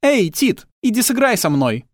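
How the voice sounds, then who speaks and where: A man voicing a cheerful, flirtatious wealthy woman, high and bubbly, exclaiming as she talks. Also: very animated, a little fast, darkish tone, no echo, clean studio sound. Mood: coaxing.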